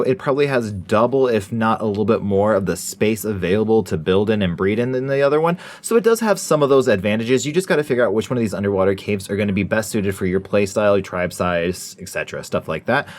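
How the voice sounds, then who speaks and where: This man hosts a gaming channel and runs through a casual top ten countdown of ranked entries with informal, folksy phrasing. He talks quickly in a voice on the low side.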